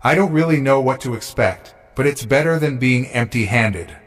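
A man's voice: mid-range voice, expressive, normal speed, close to an everyday voice. A man voicing a young male former hero fan turned scheming villain recruit, eager and prone to snickering. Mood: wry.

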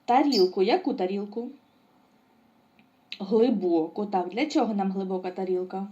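A woman's voice: medium pitch, moderate pace, warm tone, highs cut off. A woman teaching a lesson to young children, asking questions and answering them herself with praise. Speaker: preschool teacher.

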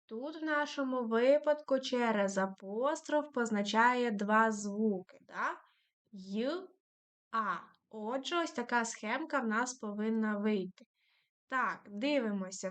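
A woman's voice: a little high, takes it slowly, a bit bright. A woman teaching a primary school lesson to young children, dictating patiently and praising them often.

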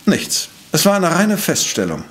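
An actor playing a coolly precise professor-detective in a radio play, questioning in a formal, probing way. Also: male voice, on the high side, huge pitch swings, unhurried, fairly bright tone, heavily acted. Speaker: voice actor in audio drama.

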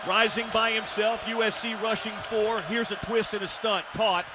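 High-voiced man calling football play-by-play. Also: steady tone, moderate pace. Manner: clipped calls rising to shouted touchdown calls. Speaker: play-by-play announcer. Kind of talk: radio play-by-play commentary. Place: football stadium broadcast booth. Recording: loud stadium crowd and noise behind.

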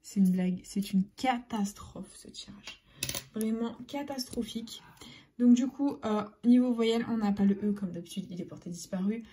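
A woman narrating her scratch-card session in a chatty vlog style, spelling out letters and sometimes dropping into soft half-whispers. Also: mid-range voice, normal speed, slight background noise. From France. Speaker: YouTuber scratching lottery tickets.

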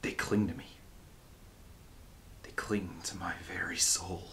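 A young man in his twenties acting a dramatic monologue as a tormented man possessed by demons, anguished and swinging between hushed menace and desperation. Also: unhurried. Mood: haunted, menacing. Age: 20s. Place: small plain indoor room. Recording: noisy room recording with low rumble.

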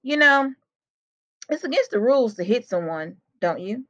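A woman's voice: a little high, animated, normal speed, a bit bright, no echo, voice pushed up. A woman doing a tall stern school principal, clipped commands, storybook read-aloud, dull lo-fi sound. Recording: dull lo-fi recording.

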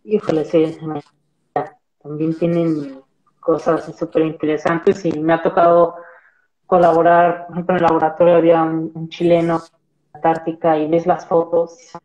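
A young man with a Mexican Spanish accent, a marine biologist guest chatting in a relaxed, rambling way with many fillers over a video call from a small room. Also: a little high, moderate pace, highs cut off. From central Mexico. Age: young adult. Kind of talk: casual video-call interview chat. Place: small indoor room with plain wall. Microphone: laptop video call.

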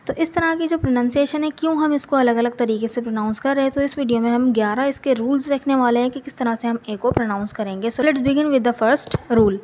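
A woman with Urdu as her first language teaching an English pronunciation lesson, explaining step by step and repeating example words slowly. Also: fairly high pitch, darkish tone, slight background noise.

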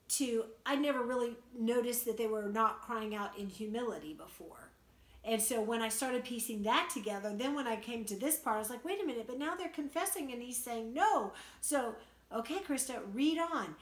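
A woman's voice: on the high side, fairly bright tone, echoey room. A woman teaching a Bible study in a conversational way, asking her listeners questions and acting out the quotes she reads.

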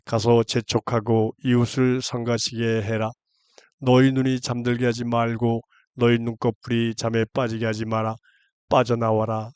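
A man with a clear, smooth mid-range voice reads scripture aloud at an even, unhurried pace. His delivery stays flat and steady. The sound is close and dry, with no room echo. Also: mid-range voice. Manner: calm, even, unhurried reading in a casual speech register. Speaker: Bible reader.

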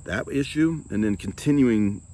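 A man's voice: mid-range voice, a little slow, warm tone, a little hiss or hum. A man giving an earnest, reflective sermon-style talk as preacher and songwriter, often repeating words as he goes. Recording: music bed playing behind the voice.

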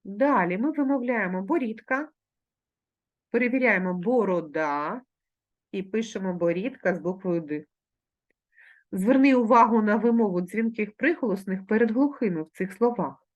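A woman with a Ukrainian accent, a primary school teacher giving a recorded online lesson, dictating words slowly and clearly. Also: mid-range voice, expressive, highs cut off. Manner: slow, carefully articulated dictation of words.

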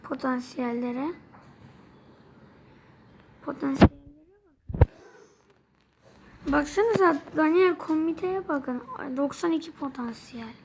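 Chatty high-voiced young Turkish gamer girl. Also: noisy background. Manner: chatty, easily frustrated, addresses viewers constantly. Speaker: gaming channel host. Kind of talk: mobile game commentary.

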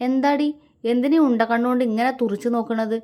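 A woman's voice: fairly high pitch, steady tone, quick pace, warm tone, lightly acted. A woman voicing a playful young husband who teases his wife with mock sternness. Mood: teasing. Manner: teasing, mock-stern, demanding.

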